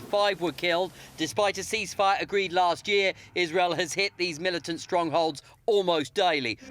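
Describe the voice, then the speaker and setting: A man reads a news report voice-over at a high pitch. His delivery is measured and formal. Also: a bit bright, slight background noise.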